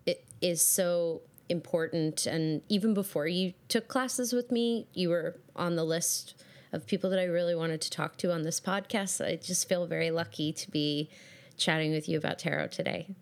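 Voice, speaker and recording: Her voice scratchy today, this woman hosts a casual podcast conversation in an effusive, gushing style with lots of fillers. She speaks on the low side at a normal speed.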